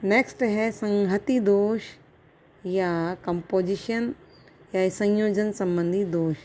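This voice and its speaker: A woman lecturer teaches a college philosophy class. Her voice is mellow and warm at a middle pitch. She explains step by step, checks in with her listeners often, and faint noise sits behind her. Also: slow. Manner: explains step by step with examples, checks with "theek hai".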